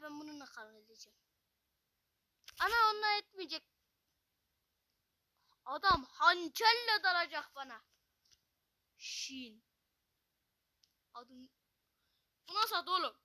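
A woman giving excitable, swearing commentary while playing a mobile fighting game, trash-talking her opponent. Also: sits high, no room sound. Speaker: gamer.

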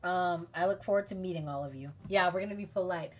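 A woman streamer reading a dating game aloud, calm when she narrates and gushing, joking and excitable when she reacts. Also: fairly low pitch, quick pace, background noise.

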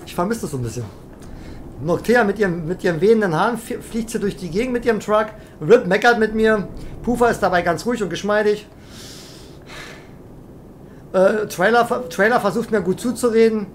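A woman's voice: mid-range voice, fairly quick, long pauses, slight background noise. A woman streaming a truck driving game, chatting and teasing her viewers in a mock-indignant, rambling way. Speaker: gaming streamer. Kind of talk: live game commentary reading chat.

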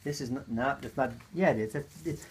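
A man's voice: mid-range voice, a little fast, slight background noise. A man giving a casual, hands-on gardening demonstration, talking in a chatty, folksy way with lots of ums and uhs. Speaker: gardening teacher.

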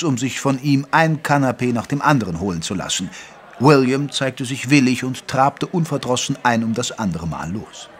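A male actor with a mid-range voice, close to his everyday speaking voice, plays a genteel, good-natured Victorian doctor. He narrates an audio drama in a measured, literary manner.

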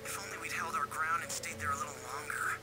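A man's voice: a little high, fairly even intonation, fast, bright, forceful tone, soft background music. An actor voicing a flustered, frustrated teenage boy in a video game.

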